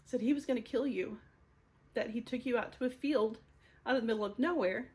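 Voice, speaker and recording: A woman's voice: fairly high pitch, fairly quick, mellow. A woman in her fifties sharing a personal testimony, speaking candidly and with emotion, often laughing through hard memories.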